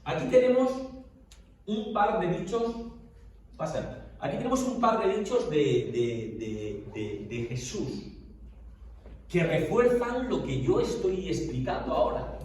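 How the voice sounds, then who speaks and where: A man's voice: sits high, sing-song, measured pace, a little mellow, a little hiss or hum. A man teaching an informal Bible class to a group in Spanish, conversational and full of questions to his listeners. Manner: conversational, asks the class questions, many filler checks. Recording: echoey room, distant mic.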